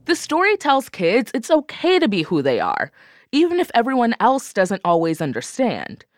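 Lively woman podcast host, dry sound. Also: on the high side, moderate pace, no room sound. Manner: lively, friendly storytelling. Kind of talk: scripted narration.

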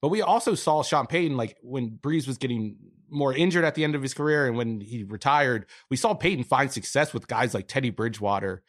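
A man breaks down football as a podcast guest, speaking at a middle pitch in a plain, matter-of-fact analytical way. The recording is close and dry, with no room sound around him. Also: animated, fairly quick, few pauses, no echo. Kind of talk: casual sports analysis.

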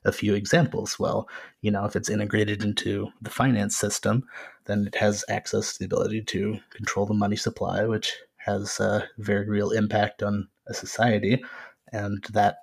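A man's voice: fairly low pitch, little pitch movement, normal speed, vocal fry, husky. A man as an interview guest, speaking thoughtfully and restarting phrases as he works out his ideas. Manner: thoughtful, restarts while thinking aloud. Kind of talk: casual interview talk.

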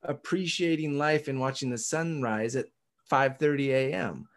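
A man's voice: medium pitch, moderate pace. A man speaking as a podcast guest in casual interview chat, emphatic, cursing freely and laughing often. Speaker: podcast guest, entrepreneur and coffee roaster.

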